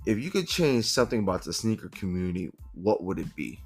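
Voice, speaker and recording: A man's voice: low-pitched, big pitch swings, fast, gravelly, breathy edge, soft background music. A young man from Philadelphia hosting a casual sneaker podcast, telling stories animatedly and swearing freely. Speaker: podcast host. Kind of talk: casual chat.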